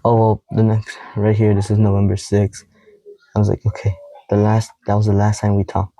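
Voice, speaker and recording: A young man vlogging casually to camera, reading out old text messages in a rambling, halting way with heavy sighs. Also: fairly low pitch, no room sound, poor audio. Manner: quoting text messages in a flat tone.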